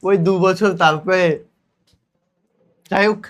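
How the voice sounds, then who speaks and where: A woman co-hosting a reaction video, chatty and quick to agree in casual talk. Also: medium pitch, steady tone.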